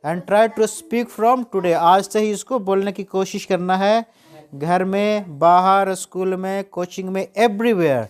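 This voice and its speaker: Slow-drilling Indian woman English teacher. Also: mid-range voice, smooth. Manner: slow drilled repetition of English phrases with Hindi explanations. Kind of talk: spoken English lesson for children. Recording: loud crowd and noise behind.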